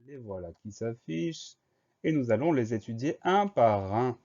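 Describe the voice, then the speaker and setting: Male teacher, mellow voice, careful letter-by-letter spelling, dull lo-fi recording. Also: medium pitch, expressive. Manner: slow, spells words letter by letter. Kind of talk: spelling lesson for schoolchildren. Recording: dull lo-fi voice-over.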